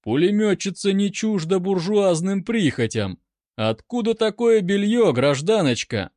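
A man's voice: high-pitched, expressive, measured pace, a little mellow, no room sound, studio quality, voice pushed up. A man doing a sneering arrogant lieutenant. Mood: mocking, commanding. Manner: mocking, commanding.

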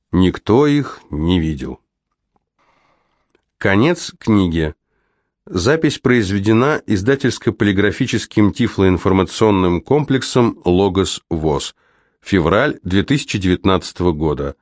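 A man narrating an audiobook in a calm, measured reading, recorded in a studio. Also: deep voice, no room sound.

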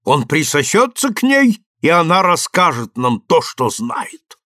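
A man's voice: a little high, very animated, a little slow, bright, forceful tone, no room sound, voice pushed up, exaggerated voice. Male narrator doing a proud, odd inventor, lofty and theatrical, dry close sound. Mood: haughty.

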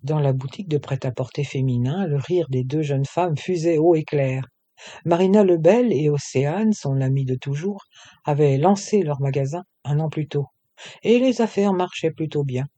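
A man reading a romantic short story aloud in an even, storytelling manner. His voice is slightly high for a man, soft and dark, with a husky edge. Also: normal speed, dry recording. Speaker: narrator. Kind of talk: scripted story narration.

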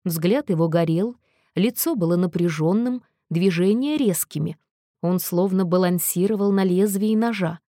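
A woman narrating an audiobook in an even, measured storytelling manner. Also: mid-range voice, no echo, clean studio sound. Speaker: audiobook reader. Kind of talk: scripted narration.

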